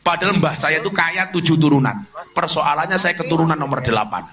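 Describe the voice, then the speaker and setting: A man's voice: on the high side, fairly quick, heavy background noise. A middle-aged man with a Javanese accent preaching a sermon to a crowd, mixing humour and jokes with his lessons. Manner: humorous, animated preaching with jokes and Javanese asides.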